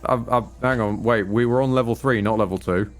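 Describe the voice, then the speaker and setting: Guy streaming a game, rambly wry jokey chat, medium pitch, music playing behind him. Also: a little fast. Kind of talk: casual gaming banter and commentary.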